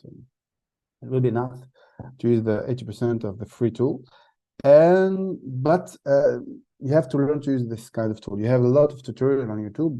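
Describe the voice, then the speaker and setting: A man giving an online masterclass over a video call, talking haltingly with many fillers and restarts and loose phrasing. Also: medium pitch, mellow. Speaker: masterclass instructor. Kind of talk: online workshop talk.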